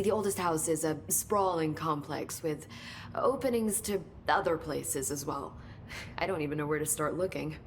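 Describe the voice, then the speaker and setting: In a game, a woman voices a helpful research scientist guiding the hero, explaining strange science with chatty, nerdy eagerness in a lightly acted performance. Her voice sits fairly low and relaxed, with a faint rumble beneath the dialogue.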